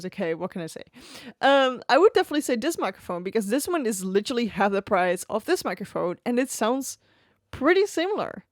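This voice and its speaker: Close to an arm-mounted XLR studio mic at her home desk, a woman streamer with a medium-pitched voice talks casually about her gear. The tech review is chatty and easygoing, full of laughs, with no echo.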